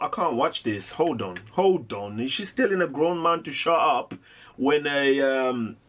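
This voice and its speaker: A man's voice: a little high, a bit bright. A man hosting a reaction video, giving indignant, rambling commentary with lots of restarts.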